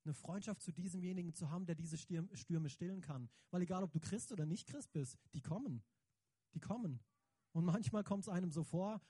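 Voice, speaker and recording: A man giving a lively, conversational sermon, emphatic and slangy, often turning to the audience with questions. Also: sits high, slightly rough, dry recording. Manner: emphatic, slangy, keeps asking the audience "right?". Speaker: preacher.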